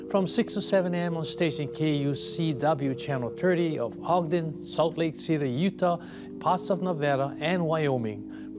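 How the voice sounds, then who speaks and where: A man reading scripted church announcements in a steady manner. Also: a little high. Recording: music behind voice.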